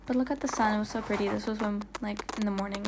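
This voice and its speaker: A woman's voice: medium pitch, fairly even intonation, fast talker, noisy background. A woman narrating a casual travel vlog voiceover, chatty and rambling with lots of fillers, stumbling over her words now and then. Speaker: vlogger. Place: voiceover, not recorded on location.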